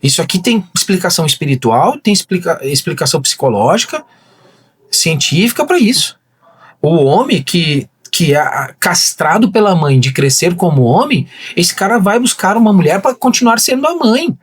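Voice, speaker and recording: A pastor tells his story with a lot of feeling and acts out the voices in it. His voice sits high and swings widely up and down. The tone is husky. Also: moderate pace. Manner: animated storyteller, acts out quoted dialogue. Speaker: pastor, podcast guest. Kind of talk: emotional testimony in casual conversation.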